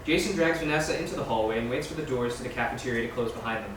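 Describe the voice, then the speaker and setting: A man rattles off scene directions as scripted narration at a screenplay table read, his medium-pitched voice rapid-fire, with a loud crowd present. He's far from the mic in a large echoey room. The recording is echoey and noisy from a distance.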